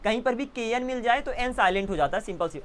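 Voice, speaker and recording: A man's voice: very high-pitched, expressive. Playful male teacher drilling pronunciation. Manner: teasing and playful with students; drills words slowly by repeating them. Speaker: English teacher. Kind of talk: classroom lesson. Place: classroom with live students.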